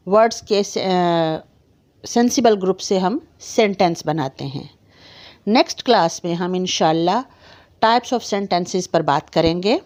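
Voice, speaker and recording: A woman teacher speaks at an unhurried pace, her voice neither high nor low. She patiently explains grammar in an online lesson, breaking words into sounds and often checking that her listeners understand. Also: darkish tone. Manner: slow, patient explaining, spelling words out letter by letter.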